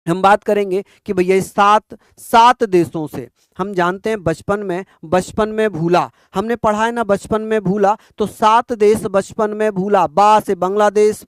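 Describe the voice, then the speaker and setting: A young man coaches students for an exam in a rapid, drilling style, repeating each answer and firing questions back at his listeners. His voice sits high and rings clear, recorded dry and close. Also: steady tone, no echo. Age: young adult. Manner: fast, repetitive, quizzing listeners. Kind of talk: fast-paced online exam lesson.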